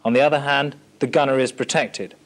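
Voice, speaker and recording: In scripted instructional narration for a military film, a formal British man speaks with a steady, mid-range voice that is brisk and a bit bright. He stays formal and matter-of-fact throughout this 1980s archive training film soundtrack.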